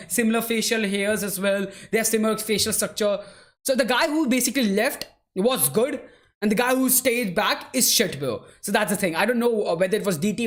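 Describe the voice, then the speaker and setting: Chatty man commenting a football watchalong. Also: high voice. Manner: casual, chatty, peppers talk with "bro" and "man"; laughs easily while answering chat. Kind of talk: live match commentary and chat replies.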